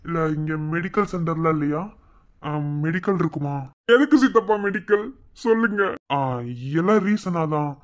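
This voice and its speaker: A woman's voice: lowish voice, moderate pace, natural voice. A woman playing an awkward young village guy. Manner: fumbling, hesitant questions. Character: young village man, awkward and well-meaning. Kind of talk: cartoon voice acting.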